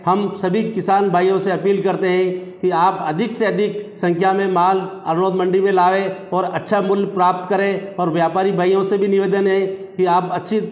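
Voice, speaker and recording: A man makes a public appeal in a high, flat-toned voice. The recording is echoey and reverberant. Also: normal speed, hardly any pauses. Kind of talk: public appeal to a news camera. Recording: echoey, long reverberant space.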